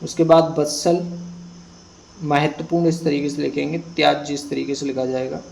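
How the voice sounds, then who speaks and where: A man teaching Hindi spelling, reading out a word list slowly and repeating each word for students to copy. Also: a little high, flat delivery, vocal fry, a little mellow, slight background noise, poor audio. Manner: slow, repetitive word-by-word dictation. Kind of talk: exam prep lesson, reading word list.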